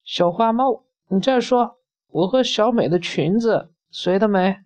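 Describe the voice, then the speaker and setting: A reader voicing a quick-tempered little girl who shouts in a shrill, loud voice in a storybook reading. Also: lightly acted. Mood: annoyed. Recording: dull lo-fi recording.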